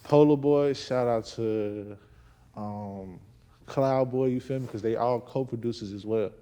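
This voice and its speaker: A man's voice: medium pitch, unhurried, warm tone. A man from Chicago, a rapper and producer, talking casually in an interview, laid-back and full of slang, often trailing off into a mumble.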